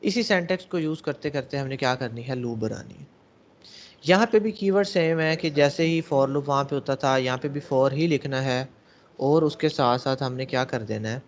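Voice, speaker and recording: A man teaching a class at a middle pitch, working through each step and putting questions to his students before he answers them himself. The recording sounds dull and lo-fi. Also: moderate pace. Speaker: programming teacher. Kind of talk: classroom lecture.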